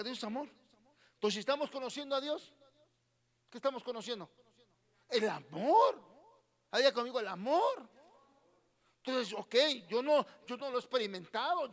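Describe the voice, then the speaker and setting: Male pastor, Mexican Spanish accent, high-pitched, sermon with many rhetorical "¿verdad?", echoing hall. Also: a bit bright. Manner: questioning the congregation, repeats words, frequent "¿verdad?". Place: church hall.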